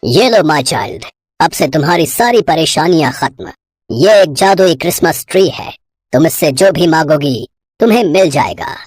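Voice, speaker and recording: Woman voicing a grandfatherly old Santa, cartoon narration, deep voice, husky tone, slow delivery. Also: expressive, a little mellow, no room sound, studio quality. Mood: kindly. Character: kind old male Santa Claus, gentle and grandfatherly.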